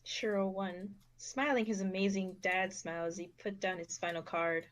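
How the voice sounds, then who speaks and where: A young woman narrating an amateur fan fiction reading with steady, expressive delivery. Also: mid-range voice, moderate pace. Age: young adult.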